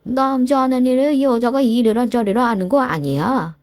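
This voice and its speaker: A woman's voice: fairly high pitch, normal speed, a little mellow, no room sound, clean studio sound, pitched above the performer's own voice, natural voice. A woman voicing an angry, domineering older father-in-law who scolds his daughter-in-law in a narrated story. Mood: scolding. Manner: scolding, gruff and bossy.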